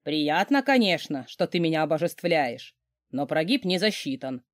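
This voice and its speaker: A woman's voice: sits low, very animated, normal speed, no echo, studio quality. A woman voicing an overbearing wealthy man, a huge mocking boss who barks orders. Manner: gruff, barking, mocking orders.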